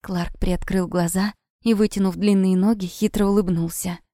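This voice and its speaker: Woman, audiobook narrator, lively storytelling, mellow dark voice, dry close recording. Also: medium pitch, moderate pace, dry recording. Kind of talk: first-person novel narration.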